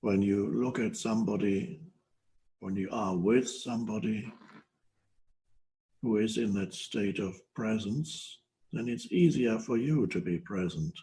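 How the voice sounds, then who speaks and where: An older man giving a guided meditation talk as a spiritual teacher, slow and hesitant, with long pauses between phrases. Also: fairly low pitch, dark tone, a little hiss or hum, rough recording.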